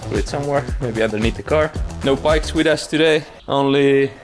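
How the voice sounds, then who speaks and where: A man in his thirties talks casually to the camera in an easygoing way, with a dry sense of humor. His voice sits at a middle pitch for a man. Music runs under his speech. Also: brisk. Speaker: vlogger. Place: outdoors beside a packed car. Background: background music.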